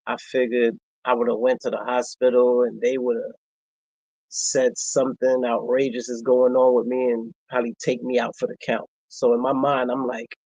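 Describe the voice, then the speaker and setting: Man, husky voice, dry close sound, reflective personal storytelling, halting. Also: medium pitch, flat delivery, warm tone, dry recording, muffled recording. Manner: reflective, halting, many fillers. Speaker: vlogger.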